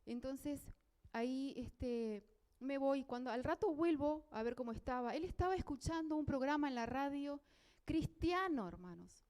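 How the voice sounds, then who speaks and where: A woman's voice: sits high, moderate pace, darkish tone. A woman with a Uruguayan accent giving a heartfelt spoken testimony at a church meeting, telling her story and acting out the dialogue. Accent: Uruguayan Spanish.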